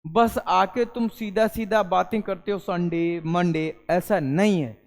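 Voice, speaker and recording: A man's voice: sits high, slow pace, in a large hall, faint music behind. A male English teacher gives a classroom lesson, calling students "beta" and answering his own questions.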